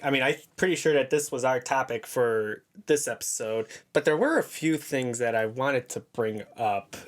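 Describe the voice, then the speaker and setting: A young man co-hosting a casual podcast, talking in a laid-back, hesitant way with many pauses and fillers. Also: mid-range voice. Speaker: podcast co-host. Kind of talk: casual chat.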